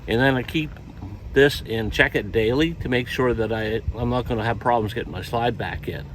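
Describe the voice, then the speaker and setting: A man in his sixties talks outdoors in a folksy, conversational vlog style, giving practical instruction. His voice sits at a medium pitch, and outdoor noise is clearly audible around him. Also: moderate pace. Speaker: RV camping vlogger. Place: outdoors beside a parked camper.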